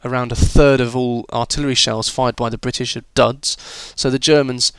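Man, history teacher, informal chatty delivery, average pitch, dry close sound. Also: little pitch movement, moderate pace, a bit bright, smooth, dry recording. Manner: chatty and informal, with filler words and restarts. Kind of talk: recorded history lesson for students.

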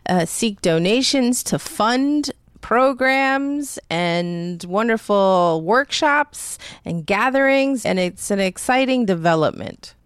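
A woman's voice: medium pitch, lively intonation, slow pace, hardly any pauses, clear, resonant tone, dry recording. A woman co-hosting a podcast in casual chat, upbeat and laughing often. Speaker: podcast co-host.

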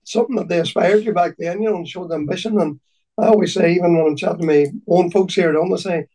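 A man with a Donegal Irish accent reminiscing in conversation, haltingly and often repeating his words. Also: high voice, steady tone, dark tone, distant mic, low-quality recording. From County Donegal, Ireland.

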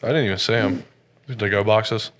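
A man's voice: fairly low pitch, a little fast, fairly bright tone, slight background noise. A man in his twenties, a college football player guesting on a podcast, ribbing his friends playfully in casual chat. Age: 20s. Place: podcast studio.

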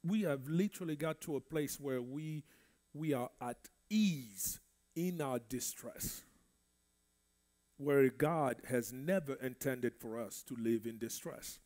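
The voice is a man's, medium in pitch and a little mellow, and he takes his time. He is a French-speaking minister from the Congo teaching a Bible study in a church. His style is conversational preaching with repeated words.

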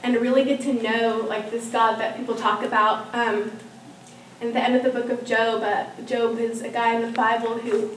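A woman's voice: on the high side, little pitch movement, moderate pace. Young woman sharing her faith story. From Norman, Oklahoma. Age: young adult. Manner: casual, many ums and likes. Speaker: student giving testimony. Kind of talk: personal faith testimony. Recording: echoey room, from far off, faint hiss.

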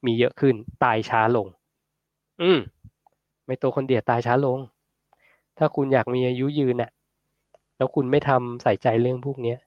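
A man hosting a casual livestream, chatting and answering viewer comments in a relaxed, friendly way. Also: medium pitch, normal speed, pauses often, no room sound, lo-fi sound. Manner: relaxed, chatty, ends phrases with polite particles. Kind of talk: casual livestream talk on health.

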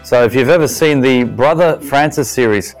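Man, podcast host, upbeat, welcoming, middle pitch, casual interview. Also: soft background music, low-quality recording. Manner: upbeat and welcoming, quick to praise.

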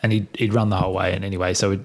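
Middle-aged man, co-host, fairly low voice, tells stories with energy and laughs a lot. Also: very fast, a little hiss or hum. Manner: animated storyteller, laughs often. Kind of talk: casual chat.

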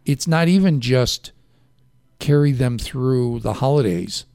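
Gravelly-voiced male radio host. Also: mid-range voice, expressive, slow pace, a little mellow, dry recording, clean studio sound. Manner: rambling, self-correcting. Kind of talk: local radio interview. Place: radio studio. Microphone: studio microphone.

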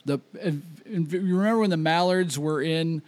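A man's voice: on the high side, normal speed, a little mellow. A man hosting a casual podcast, talkative, leading the conversation and telling anecdotes. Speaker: podcast host.

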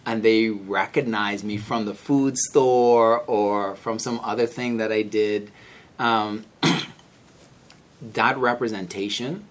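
A man's voice: on the low side, steady tone, slow pace. A man with a Bahamian accent speaking as a podcast guest in a conversational, reflective way, often repeating words as he searches for phrasing. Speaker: podcast guest, senior scientist. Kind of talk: conversational interview.

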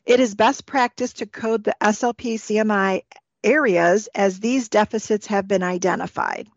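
A woman's voice: medium pitch, normal speed, no echo. A woman giving formal, scripted instruction as the expert on an educational podcast. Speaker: expert guest. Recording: dull, lo-fi podcast audio.

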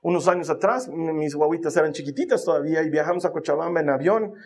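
A man's voice: a little high, fast. A man preaching a sermon, telling a personal story and building emphatic, repeated phrases. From Bolivia. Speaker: pastor.

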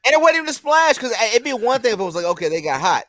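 A man's voice: very high voice, very fast. A man co-hosting a sports talk show, ranting with disbelief in a heated debate. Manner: incredulous, ranting, animated.

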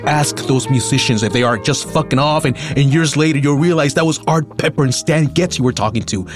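In a radio play, an actor voices a weary, tender middle-aged uncle haunted by prison, confiding in a halting, wistful way. His male voice sits fairly high and sounds natural, with music playing in the background.

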